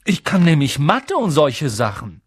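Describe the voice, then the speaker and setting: A man's voice: on the high side, wildly swooping pitch, a little slow, husky, no echo, studio quality, heavily acted. A man doing a polite, bewildered young boy. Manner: polite, unsure.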